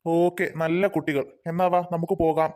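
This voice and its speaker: A man's voice: a little high, little pitch movement, normal speed, heavy background noise, lightly acted. A man voicing a kind father in a cartoon who patiently lectures his children. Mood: gentle. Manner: gentle, preachy, patient. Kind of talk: cartoon voice acting.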